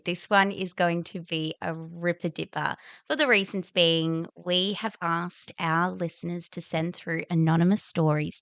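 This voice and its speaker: A woman co-hosting a casual podcast, bubbly and quick to laugh. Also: lowish voice, gravelly, a bit bright, no echo. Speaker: podcast co-host. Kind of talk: casual chat. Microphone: studio podcast mic.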